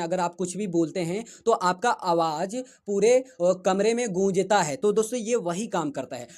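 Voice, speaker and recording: A man with a noticeably high voice explains a wireless microphone app setting by setting. He speaks casually into a clip-on mic indoors, pausing to confirm each step with his viewers. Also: darkish tone. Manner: explains step by step, often checks with "thik hai". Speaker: tech reviewer. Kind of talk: casual tutorial walkthrough. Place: indoors, in front of a running fan. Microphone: wireless lapel mic.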